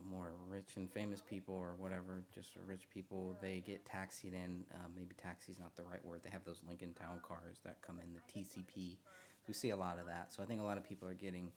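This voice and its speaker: On a live stream, a man talks softly and casually, his voice sitting low and close to the microphone. His speech is halting, full of ums and fresh starts.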